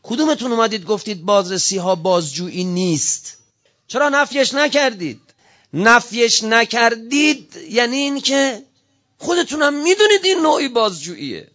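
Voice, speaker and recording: A man's voice: extremely high pitch, expressive, a bit bright, lo-fi sound. A man giving an impassioned speech, firing off heated rhetorical questions one after another. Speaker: speaker giving a political talk.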